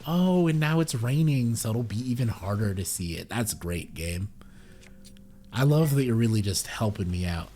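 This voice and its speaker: A man's voice: lowish voice, lively intonation, normal speed, dark tone, slight background noise. A man streaming a video game, chatting casually and joking about himself, swearing freely as he plays. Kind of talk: casual let's-play commentary. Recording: game music playing behind.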